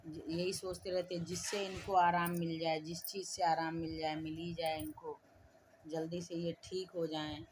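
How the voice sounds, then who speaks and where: A woman's voice: deep voice, level tone, normal speed, slight background noise. A woman vlogging at home on a phone, plainly explaining the daily routine of caring for a child. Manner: coaxing, repeats prompts to the child; plain, matter-of-fact explaining. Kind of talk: casual home vlog.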